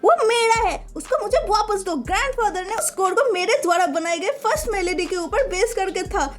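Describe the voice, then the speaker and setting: Storybook role: fierce, grieving young noblewoman, very high voice, shouting, woman puts her on. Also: big pitch swings, normal speed, soft background music. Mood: angry shouting. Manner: high and tearful, shouting in anger.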